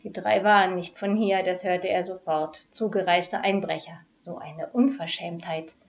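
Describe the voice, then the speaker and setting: A woman reading a cozy crime story aloud in a measured, expressive storytelling manner. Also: lowish voice, creaky, dull audio. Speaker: narrator. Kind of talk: scripted narration of a crime story.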